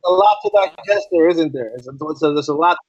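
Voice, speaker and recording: Speaking quickly in a fairly high, slightly rough voice, a man guests on a podcast as an ESL teacher from the American East Coast. He lays out his ideas conversationally in a casual interview, checking in often with rhetorical questions. The audio is dry and lo-fi.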